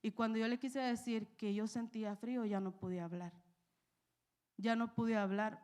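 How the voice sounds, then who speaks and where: A woman's voice: on the high side, steady tone, normal speed, darkish tone, clean tone. A young woman preaching, telling a personal testimony with emotion and frequent "¿verdad?" asides. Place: church.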